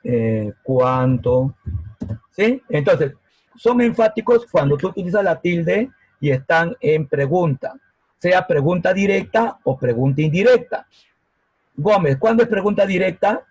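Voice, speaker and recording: A man's voice: high voice, animated, unhurried, darkish tone, slightly rough, dry recording, rough recording. A man teaching a grammar lesson over a video call, patient and often checking that students follow. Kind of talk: online grammar class. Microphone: laptop mic on a video call.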